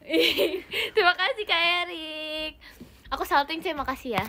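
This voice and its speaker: A woman's voice: high voice, normal speed, pushed and bright. A young woman hosting a casual phone livestream, bubbly and giggly as she chats and thanks fans for their comments. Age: young adult. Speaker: idol livestreamer. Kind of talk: casual livestream chat, reading fan comments. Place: indoor room.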